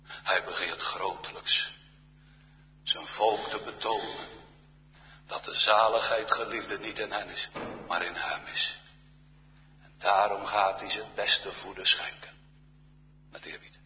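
Deep-voiced preacher, booming church echo. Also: male voice, little pitch movement, slow, pauses often, pushed and bright, slight background noise. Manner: solemn, often drops to a near-whisper. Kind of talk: Reformed church sermon. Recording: reverberant church hall, dull sound.

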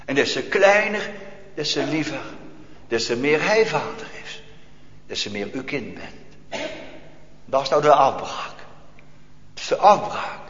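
A man's voice: medium pitch, animated, measured pace, long pauses, a little hiss or hum. Fervent male preacher in an echoing church. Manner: fervent preaching, swings between loud and hushed. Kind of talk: sermon. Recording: echoey church hall, dull lo-fi.

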